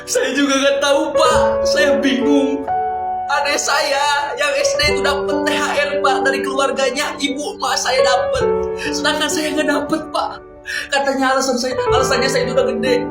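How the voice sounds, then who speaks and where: A woman's voice: high-pitched, flat delivery, moderate pace, roomy sound, loud music behind the voice, voice pushed up, close to an everyday voice. A woman playing a sad, whining schoolboy who complains in a sing-song voice. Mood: whiny.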